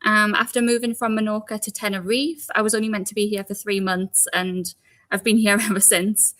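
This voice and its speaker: A woman's voice: mid-range voice, level tone, a little fast, fairly bright tone. Chatty Geordie woman co-hosting a live stream. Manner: friendly, chatty, laughs often. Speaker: service support rep and co-host. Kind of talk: live Q&A chat.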